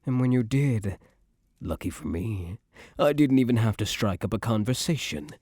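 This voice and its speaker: A man's voice: on the low side, expressive, moderate pace, a little mellow, dry recording, studio quality. A man playing a doting young mafia heir in an intimate ASMR boyfriend roleplay, speaking with tough, streetwise affection and self-assurance. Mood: fond reminiscing.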